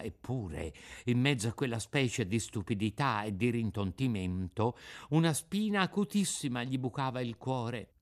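Theatrical man reading a classic tale aloud. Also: a little high. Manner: expressive, theatrical. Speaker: narrator. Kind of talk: dramatic reading of a classic novel.

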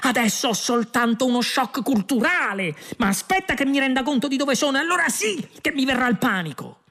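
A frantic, put-upon man whines and protests at a high, strained pitch, as a man puts him on. Under the raised voice sits a husky, gravelly grain. It is a storybook reading of a comic science-fiction tale. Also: animated, fairly quick, pushed and bright, exaggerated voice. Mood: panicky. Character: frantic, put-upon Englishman, panicky and whining.

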